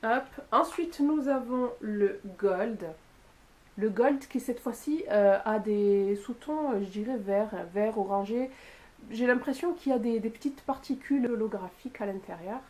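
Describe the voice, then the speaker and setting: Woman doing a makeup haul at home, slightly high voice, lots of euh and voilà, camera mic. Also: unhurried, a little mellow. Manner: chatty, with frequent fillers and "voilà". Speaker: beauty youtuber. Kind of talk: casual product haul talk to camera.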